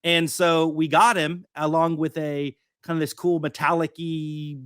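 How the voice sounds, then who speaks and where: A man co-hosting a casual podcast, rambling with many fillers and restarts. His voice sits a touch high, and the sound is close and dry. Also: little pitch movement, a little slow, fairly bright tone, clear, resonant tone, no room sound. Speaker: podcast co-host. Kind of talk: casual chat.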